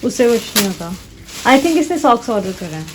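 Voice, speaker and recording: A woman's voice: on the high side, sing-song, a little fast, background noise. A young woman chatting casually in a home vlog, teasing her sister and talking to viewers. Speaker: vlogger.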